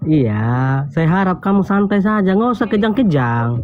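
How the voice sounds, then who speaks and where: A man in an online debate speaking calmly and telling the others to settle down. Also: sits high, normal speed, lo-fi sound.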